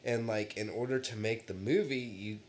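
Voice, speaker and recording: A man's voice: fairly low pitch, normal speed, slight background noise. A man with a nasal, stuffed-up voice hosting a casual podcast, rambling and swearing between laughs. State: stuffed up from allergies. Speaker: podcast host. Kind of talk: casual chat.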